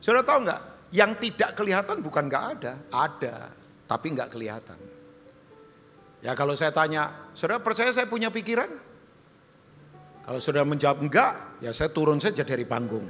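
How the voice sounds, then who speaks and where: A male pastor preaching a sermon, animated and humorous, jumping high for questions and quoted voices and dropping low and soft for appeals. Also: normal speed, long pauses, soft background music. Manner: humorous storytelling with asides to the congregation. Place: large church hall. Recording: long hall reverb.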